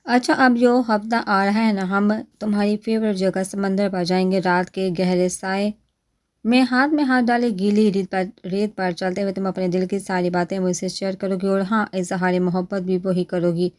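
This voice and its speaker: A woman's voice: mid-range voice, fairly even intonation, a little mellow, dry recording, studio quality, natural voice. A woman voicing a playful young man who speaks lovingly to his fiancée in an audio novel. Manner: teasing, loving.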